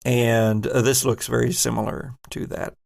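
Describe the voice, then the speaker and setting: A man serves as game master for a horror sci-fi tabletop game, narrating descriptively with deliberate, halting pauses. His mid-range voice barely moves in pitch and sounds creaky and slightly mellow.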